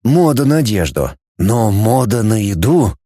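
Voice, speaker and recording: A man's voice: fairly low pitch, sing-song, measured pace, mellow, breathy edge, no echo, clean studio sound, full character voice. A man playing a cynical, blunt male outcast who talks in a sardonic, scornful way.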